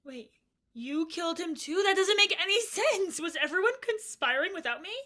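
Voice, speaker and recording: An actress playing an anxious young woman who overthinks out loud in a stage play. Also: very high-pitched, expressive, moderate pace, full character voice.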